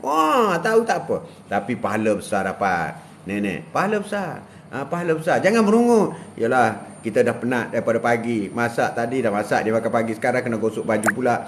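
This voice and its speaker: A man's voice: medium pitch, fairly quick, a little hiss or hum. Chatty older man preaching on a live stream. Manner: animated, laughing, reads viewer comments aloud. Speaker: live stream host giving daily advice. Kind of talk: casual live chat with religious advice. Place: outdoors beside a plantation.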